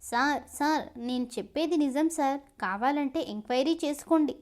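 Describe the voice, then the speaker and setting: A woman voicing a frightened young woman pleading with police, high and near tears. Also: normal speed, darkish tone, close to an everyday voice.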